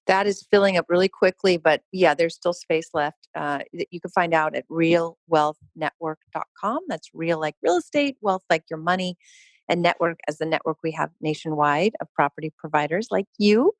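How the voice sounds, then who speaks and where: As a guest on a podcast, a woman who founded a real estate company tells a story emphatically and with animation, laughing often and throwing in quick asides. Her voice is low, and the recording has no room sound.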